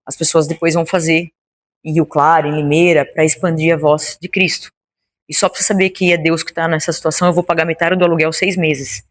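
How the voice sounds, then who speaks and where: A woman's voice: low voice, flat delivery, fairly quick, pitched below the performer's own voice, natural voice. A woman voicing a blunt female friend who pushes her with advice while she tells a story. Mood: insistent. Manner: pushy, commanding.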